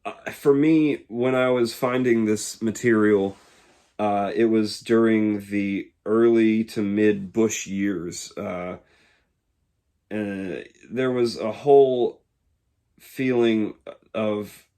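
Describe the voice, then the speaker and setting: Halting, low-voiced young man. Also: dark tone. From Georgia, USA. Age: 20s. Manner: halting, reflective, pauses often. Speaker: YouTuber. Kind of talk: casual monologue to camera.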